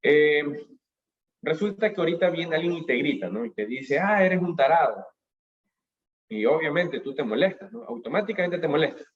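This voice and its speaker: Man giving a lively motivational lecture. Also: fairly high pitch, a little fast, lo-fi sound. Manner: animated, asks and answers his own questions. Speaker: speaker at a business school talk. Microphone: webcam on a video call.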